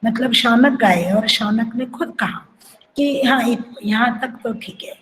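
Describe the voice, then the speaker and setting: Older dance guru, woman with marathi accent, unhurried lecture, slightly high voice, faint room ambience. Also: fairly bright tone, a little hiss or hum, low-quality recording. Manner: reflective, sings phrases to illustrate. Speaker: kathak guru teaching. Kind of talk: lecture with sung syllables.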